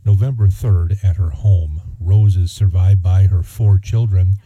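A man with a very low, deeply mellow voice makes formal radio announcements. He is solemn and measured, pausing between phrases. The sound is dull and somewhat roomy. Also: husky. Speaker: funeral notice announcer.

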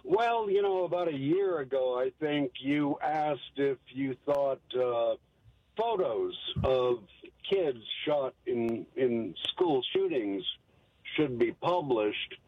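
Male caller, crackly car cell phone, fading line, dull lo-fi sound, husky, dry. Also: mid-range voice, animated, dry recording. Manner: halting, many pauses and restarts. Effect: crackly cell phone call from a car, fading in and out. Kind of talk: call-in radio talk.

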